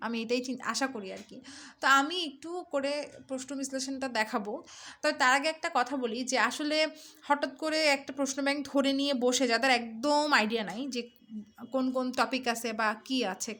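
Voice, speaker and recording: A woman's voice: high voice, pushed and bright. A young woman tutoring exam prep in a chatty lesson, often breaking off to sound out vowels herself. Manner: chatty, self-interrupting, demonstrates sounds aloud. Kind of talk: casual explanatory lesson.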